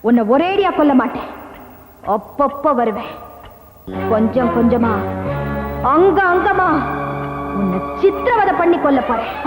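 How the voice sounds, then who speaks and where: An actress playing the vengeful ghost of a daughter-in-law who was burned to death, speaking in low, threatening taunts over a film soundtrack. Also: female voice, very animated, measured pace, long pauses, roomy sound. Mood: menacing. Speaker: actor in a film. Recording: film soundtrack with loud music. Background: film score.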